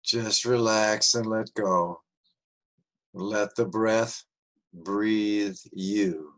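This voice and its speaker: Male meditation guide, low voice, very slow, soft and soothing delivery. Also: steady tone.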